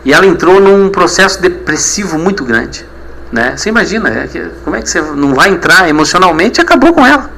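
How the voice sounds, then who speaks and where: Man in his 30s, pastor, emotional testimony, higher bright voice, faint room noise. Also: very animated, fairly quick, vocal fry, low-quality recording. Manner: emotional, repeats himself, many filler "né". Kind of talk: personal testimony.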